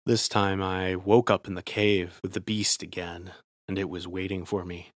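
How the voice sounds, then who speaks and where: Low-voiced man narrating a horror story. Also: level tone, normal speed, no room sound, studio quality. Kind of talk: scripted first-person horror narration.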